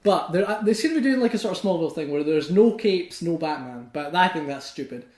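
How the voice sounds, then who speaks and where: Young man, podcast host, high-pitched, excitable ranting, swears a lot, echoey room. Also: brisk. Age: young adult. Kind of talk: casual chat.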